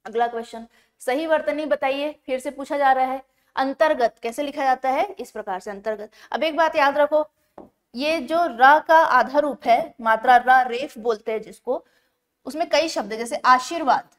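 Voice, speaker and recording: A woman teaching an exam-prep grammar lesson, explaining step by step and slowing down to spell words out syllable by syllable. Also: high voice. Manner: explains step by step, often checks in with the class.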